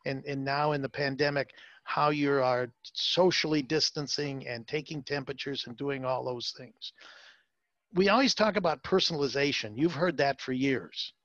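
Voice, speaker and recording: A man's voice: mid-range voice, normal speed, fairly bright tone, no echo, lo-fi sound. A man being interviewed as a salon marketing consultant, talking emphatically with many fillers and repeated words. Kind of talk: interview, advice talk.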